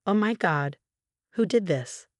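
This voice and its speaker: Gentle concerned man, read by a woman. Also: medium pitch, lively intonation, slow pace, no room sound, clean studio sound. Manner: soft, gentle. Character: concerned caring adult man, gentle friend.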